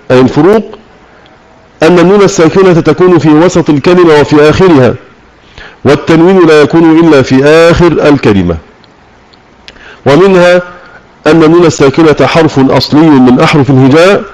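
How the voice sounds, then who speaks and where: A man teaching a Tajweed lesson, slowly repeating key words and asking and answering his own questions. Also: on the high side, a little mellow, rough recording. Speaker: Quran recitation teacher. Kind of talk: religious lesson on Tajweed rules. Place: online voice chat room.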